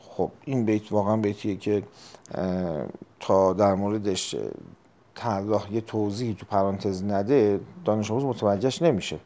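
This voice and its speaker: A man teaching a recorded test-prep lesson, explaining step by step, repeating key terms and clearing his throat often. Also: on the low side, steady tone, dark tone. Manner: frequent throat clearing and hesitations.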